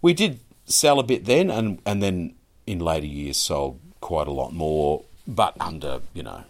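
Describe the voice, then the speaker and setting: A man with an extremely low, deep voice, co-hosting a podcast. He chats casually and rambles, looping back through restarts as he talks. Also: animated, a little slow. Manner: rambling, full of restarts and fillers. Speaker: podcast co-host. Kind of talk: casual chat.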